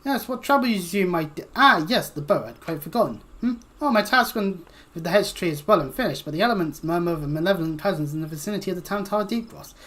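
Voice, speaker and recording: A woman's voice: on the low side, animated, fast talker, a bit bright. A woman reading a formal, archaic game character who talks of elemental spirits, with a stumbling read.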